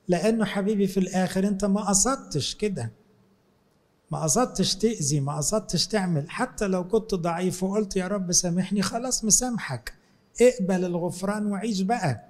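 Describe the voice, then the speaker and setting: A man's voice: high voice, darkish tone. A man with an Egyptian Arabic accent, a priest giving a conversational sermon and acting out his talks with people. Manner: conversational, acts out dialogues with people.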